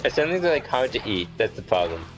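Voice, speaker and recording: Over game music, a man with a mid-range voice talks fast and very animatedly while playing a video game. He's chatting casually but arguing his case point by point, and the recording is rough.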